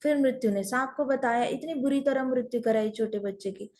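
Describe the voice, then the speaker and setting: Woman giving a scripture class, tells stories, drops english phrases, kinda high voice. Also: a little fast, darkish tone. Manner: storytelling, mixing English phrases. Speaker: scripture teacher.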